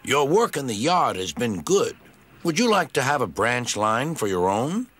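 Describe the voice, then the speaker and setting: A man's voice: medium pitch, big pitch swings, a little slow, a bit bright, soft background music. A man voicing a formal, businesslike railway boss, close to his own voice. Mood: approving.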